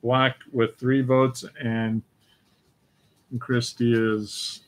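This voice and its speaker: A man's voice: medium pitch, little pitch movement, extremely slow. A man co-hosting a live craft stream, reading out viewer comments and teasing the host with dry jokes. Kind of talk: casual live-stream banter.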